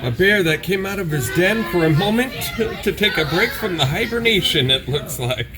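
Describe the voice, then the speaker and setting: Music accompanies a travel vlog host who describes animals in an awed, exclaiming, casual way. His medium-pitched voice is animated and moves at a moderate pace.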